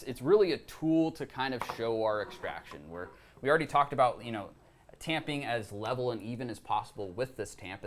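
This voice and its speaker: A young man co-hosting a coffee gear show, explaining equipment in a relaxed, casual way with frequent ums and uhs. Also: medium pitch. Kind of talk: casual product chat.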